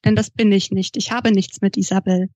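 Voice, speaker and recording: A restless musician who presses his point with earnest pleading, as a woman reading aloud gives him voice. The tone is mellow and held flat. The recording is close, dry and dull. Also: medium pitch, brisk, no echo, lightly acted. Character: restless musician, older brother, man, insistent.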